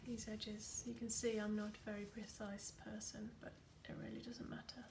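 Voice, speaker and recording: Woman, meditation leader: soft, unhurried, slightly gravelly voice, level delivery, faint background noise. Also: medium pitch, little pitch movement. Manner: soft, gentle, many fillers; often drops to a near whisper. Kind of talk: guided craft meditation. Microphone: computer or phone camera.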